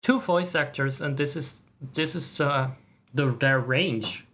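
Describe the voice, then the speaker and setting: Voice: medium pitch, takes it slowly, fairly bright tone. A livestream host chatting casually to viewers in a sarcastic, mock-boastful way, swearing freely. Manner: profane. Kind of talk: casual chat to stream viewers.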